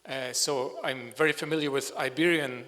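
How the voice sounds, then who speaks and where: A Scottish man who records bird sounds gives a conference talk in a reverberant lecture hall. His mid-range voice is steady and sharp at normal speed, though he speaks hesitantly, searching for words.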